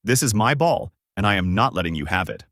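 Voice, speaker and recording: A man voicing a naive, cheerful strong boy in a fan-made story, speaking loudly and guilelessly in a raised voice. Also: expressive, fairly quick, no room sound, clean studio sound. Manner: raised pitch, loud and guileless.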